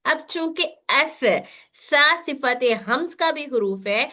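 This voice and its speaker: A woman teaching Quran recitation in an online lesson, explaining slowly and carefully and repeating single sounds as examples. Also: high-pitched, lively intonation, bright, forceful tone.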